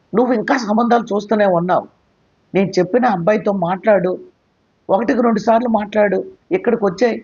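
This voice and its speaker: A woman's voice: medium pitch, darkish tone, slightly rough, pitched above the performer's own voice, lightly acted. A man voicing a pushy woman friend who urges and nags insistently, in a slightly muffled recording. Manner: urging, insistent.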